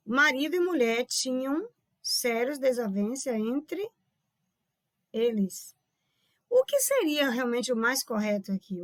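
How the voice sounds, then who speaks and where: A high-pitched woman with a Brazilian accent teaches grammar in an explanatory way and keeps checking that her viewers follow. Her voice is recorded close up in a dry room with no echo. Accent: Brazilian Portuguese. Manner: explanatory, keeps checking in with "tá vendo?" and calls viewers "povo lindo". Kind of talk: online grammar lesson solving exam questions.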